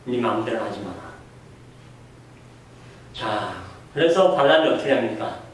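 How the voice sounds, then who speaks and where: A man's voice: mid-range voice, big pitch swings, a little slow, slight background noise. A man preaching a sermon as a pastor, putting questions to the congregation and acting out the voices he quotes. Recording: echoey room heard from a distance.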